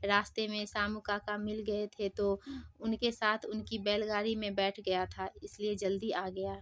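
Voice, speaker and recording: A woman voicing a kind boy, an older brother who speaks calmly and soothingly in a storybook tale. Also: medium pitch, a little slow, lightly acted. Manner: soothing, reasonable.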